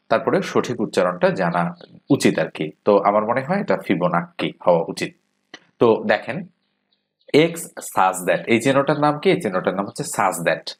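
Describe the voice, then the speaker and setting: Lively low-voiced Bangladeshi math tutor. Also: male voice. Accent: Bangladeshi Bengali. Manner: explains step by step with frequent "ah" fillers and rhetorical questions. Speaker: math teacher. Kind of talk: exam-prep math lesson.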